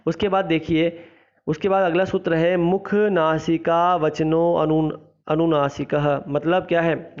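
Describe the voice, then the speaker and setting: A man's voice: fairly high pitch, a little mellow. A male teacher, explaining a grammar lesson and repeating each point as a question he then answers. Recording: slightly dull, lo-fi recording.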